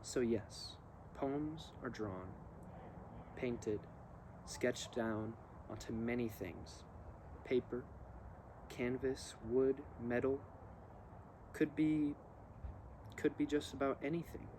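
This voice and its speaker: A man with a mellow voice reads poetry aloud at a very slow pace, pausing between short phrases and drifting into casual asides. He is smoking as he talks, and there is faint ambient noise behind him. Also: medium pitch. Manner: deliberate, halting, broken into short phrases; smoking a cigar while talking. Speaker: vlogger reading poems aloud.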